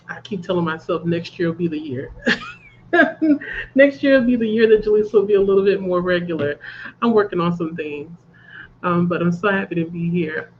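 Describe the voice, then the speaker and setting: A woman with a fairly low voice, stuffed up from a cold, chats casually at home while hosting a reading livestream, laughing at her own jokes. The recording sounds muffled, with slight background noise.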